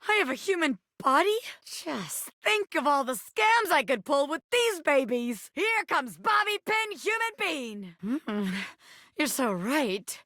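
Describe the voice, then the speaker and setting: A woman's voice: sits high, pushed and bright, no room sound, clean studio sound, heavily acted. An actress voicing a sassy, wisecracking female bobby pin, a brash ex-gangster scammer from a video game, talking in cheeky old-time slang. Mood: cheeky, excited. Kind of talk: video game character voice acting.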